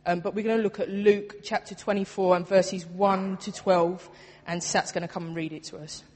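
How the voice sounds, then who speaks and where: A woman's voice: on the low side, steady tone, moderate pace, darkish tone. A young woman with a Cockney accent giving a chatty, self-mocking Easter talk to a congregation as a youth worker, laughing often. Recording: long hall reverb.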